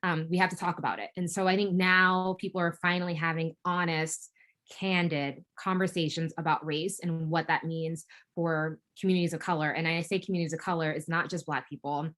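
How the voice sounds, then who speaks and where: A woman's voice: sits low, fairly even intonation, a little fast, fairly bright tone. A woman giving a webinar talk as guest speaker, casual with many fillers and restarts. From United States. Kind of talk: webinar presentation.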